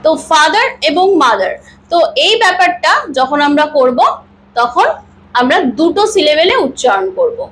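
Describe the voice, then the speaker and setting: A woman teaching an English grammar lesson, asking and answering her own questions and drawing out example words slowly syllable by syllable. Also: sits high, sing-song, a bit bright, low-quality recording. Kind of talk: classroom-style grammar lesson.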